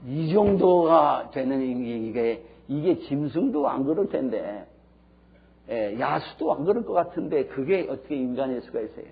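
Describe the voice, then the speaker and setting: Man, pastor, sermon, husky, lively pitch, emphatic storytelling, dull lo-fi recording. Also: normal speed. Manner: emphatic storytelling, swinging between hushed and loud.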